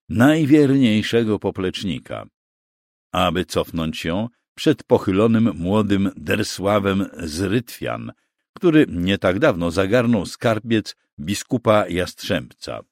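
Deep-voiced man narrating slowly. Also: no echo, studio quality. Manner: expressive storytelling. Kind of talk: scripted narration of a historical story.

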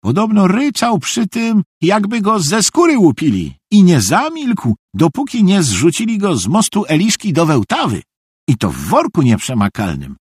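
A man's voice: sits high, huge pitch swings, moderate pace, slightly rough, no room sound, pitched above the performer's own voice, full character voice. A man voicing a cheerful, simple-minded middle-aged soldier who talks naively and earnestly. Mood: chatty. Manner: naive, earnestly obliging, rambling.

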